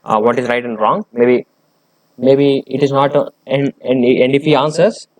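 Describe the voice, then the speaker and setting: A man's voice: mid-range voice, fairly even intonation, normal speed, a little mellow, dry recording, rough recording. A man reading a research paper aloud and explaining it, hesitant, with many fillers and restarts.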